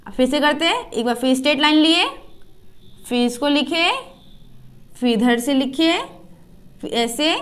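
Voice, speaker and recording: A woman teaching children to write letters, with slow repeated drills and questions to the class. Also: sits high. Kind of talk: children's writing lesson.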